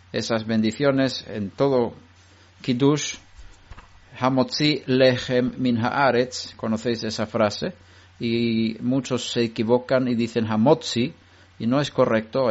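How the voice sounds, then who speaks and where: A man giving an unscripted religious lesson to a study group, explaining step by step in a measured way and often restarting his sentences. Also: medium pitch. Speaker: Bible study teacher. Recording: dull lo-fi recording.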